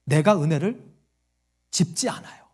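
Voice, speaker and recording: A man's voice: on the high side, lively intonation, normal speed, a little mellow, husky. A male pastor preaching a sermon to his congregation, quizzing them with questions and acting out the voices in his stories. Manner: acts out quoted voices in a story.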